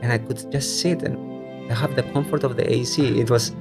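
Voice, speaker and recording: Born in Bulgaria and living in Cyprus, a man in his thirties speaks reflectively as a guest on a podcast, recorded in a home studio at a dining table. His mid-range voice holds a steady tone at a fairly quick pace, with music playing in the background.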